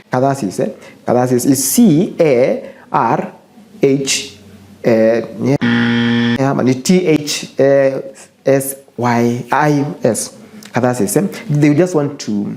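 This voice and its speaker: A man's voice: medium pitch, dark tone. A young man with a Kenyan accent hosting his show, giving casual, earnest advice to viewers, switching between English and Swahili and repeating phrases for emphasis. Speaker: show host.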